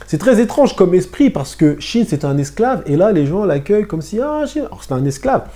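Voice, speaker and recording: A man's voice: sits high, brisk. A man reviewing a manga chapter in casual slangy talk, addressing his viewers directly. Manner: animated, slangy, talks to viewers.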